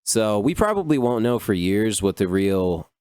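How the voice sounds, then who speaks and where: His voice is fairly low, clear and resonant with a darkish tone, carrying a sing-song lilt at normal speed, in clean studio sound without echo. He's a podcast host doing casual solo commentary on news stories, profane and rambling, full of "dude" and "like."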